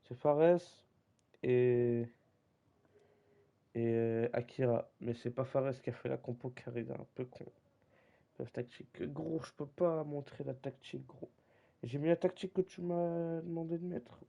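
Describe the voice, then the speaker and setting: A man's voice: medium pitch, steady tone, moderate pace, creaky, mellow, muffled recording. A young man streaming a football game live, chatting casually in slang and teasing his viewers. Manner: slangy, teasing, keeps saying "gros". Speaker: streamer running a football league. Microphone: desk microphone.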